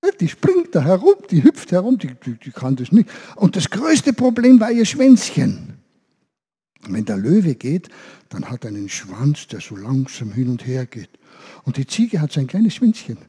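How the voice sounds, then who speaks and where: A man's voice: medium pitch, moderate pace, slightly rough. A man leading a children's service, telling a story and asking the children questions. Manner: animated, asks children questions.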